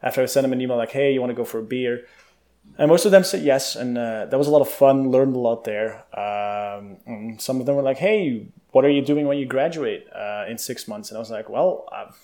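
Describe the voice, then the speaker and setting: A young man from Belgium, a guest in an interview, telling his story in a lively, casual way with many fillers. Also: medium pitch, brisk.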